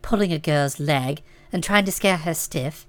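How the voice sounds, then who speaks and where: Brief: woman reader as a breezy, bossy young woman, cheeky and scolding, softer than the narration, dry room. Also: low-pitched, a little slow, dry recording, pitched below the performer's own voice. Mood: brisk, teasing.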